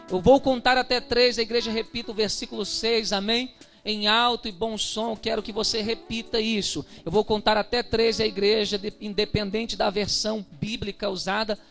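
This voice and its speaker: A man's voice: high-pitched, gravelly, fairly bright tone. A man preaching a sermon in Brazilian Portuguese, reading scripture and leading the congregation in fervent prayer. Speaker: minister. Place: church hall.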